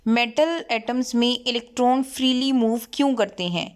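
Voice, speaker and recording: A woman tutoring chemistry, who reads each textbook line slowly in English and then explains it in Hindi-Urdu. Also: a little high. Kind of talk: textbook lesson reading and explaining.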